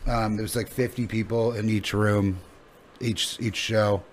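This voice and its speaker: A man's voice: lowish voice, level tone, a little slow, a little hiss or hum. A male comedian being interviewed in a casual podcast chat, thinking aloud in rambling, sweary sentences. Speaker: stand-up comedian guest.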